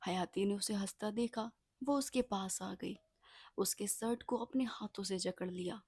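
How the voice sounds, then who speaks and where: A woman narrating a romance story in a soft, half-whispered storytelling voice. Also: mid-range voice, a little slow, slightly rough, dry recording, studio quality.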